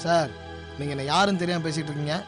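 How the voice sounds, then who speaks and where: A man's voice: fairly high pitch, steady tone, fast talker, lightly acted. A young man acting as a cheeky, sarcastic college student who talks back to an angry father in a TV serial. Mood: defensive. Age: young adult. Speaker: college student hanging around the house. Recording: TV serial with music behind.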